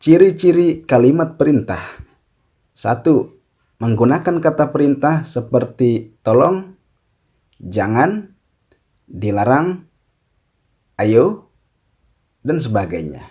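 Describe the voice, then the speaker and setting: A man explaining a grammar lesson slowly and deliberately. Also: mid-range voice, expressive, dark tone. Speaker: teacher. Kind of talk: recorded lesson.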